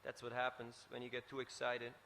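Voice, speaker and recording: A man from Switzerland giving a scripture class, telling stories in an animated way and tagging his points with "huh?". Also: mid-range voice, brisk, gravelly, big-room sound, slight background noise. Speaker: preacher. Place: temple hall.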